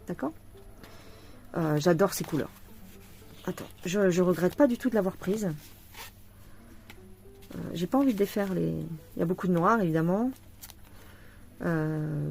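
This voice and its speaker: A woman's voice: fairly low pitch, darkish tone. A tired woman chatting to viewers while showing a cross-stitch kit at home, laughing often. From France. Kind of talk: casual chat unboxing a craft kit.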